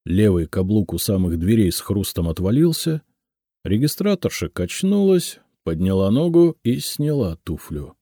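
A man narrates a literary audiobook with a low, dark and mellow voice. His reading is theatrical and swings widely in pitch, recorded close and completely dry. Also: normal speed, no echo. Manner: theatrical, lively storytelling. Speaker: audiobook reader.

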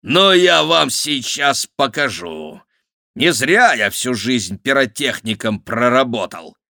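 A man's voice: mid-range voice, big pitch swings, takes it slowly, vocal fry, pushed and bright, no echo, studio quality, exaggerated voice. A man voicing a hot-tempered adult male pyrotechnician villain who barks furious threats.

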